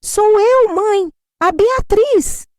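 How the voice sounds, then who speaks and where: A woman's voice: medium pitch, very animated, moderate pace, warm tone, no room sound, clean studio sound, voice pushed up, lightly acted. A woman voicing a curt, impatient adult daughter who brushes off her mother. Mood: irritated shouting. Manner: dismissive, brusque.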